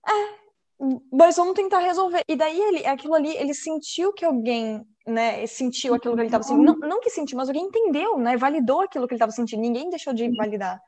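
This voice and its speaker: A woman's voice: high-pitched, fast, few pauses. A woman co-hosting a podcast, chatting casually and acting out film scenes as she tells them. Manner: animated storyteller, acts out film scenes in voices; upbeat, self-described positive person. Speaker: podcast co-host.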